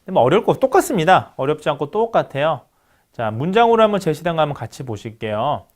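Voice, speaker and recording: A man's voice: a little high, very animated, quick pace. A man lecturing on phonetics, asking his students questions and answering them himself as he works through examples. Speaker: university lecturer.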